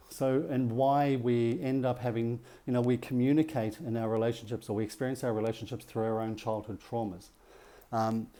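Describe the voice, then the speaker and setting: A man's voice: mid-range voice, warm tone. A middle-aged man leading a relationship workshop, teaching a group and often checking in with rhetorical questions.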